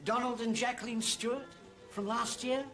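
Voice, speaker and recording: A theatrical, suggestive swinger husband. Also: male voice, extremely high pitch, fairly even intonation, normal speed, a bit bright, soft background music. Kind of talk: sitcom acting.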